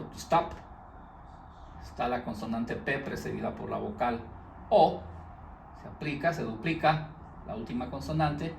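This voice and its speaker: A man's voice: medium pitch, creaky, recorded from a distance, a little hiss or hum. A man teaching an English grammar lesson, explaining rules patiently and repeating them, stressing each English word. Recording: echoey room, voice off-mic.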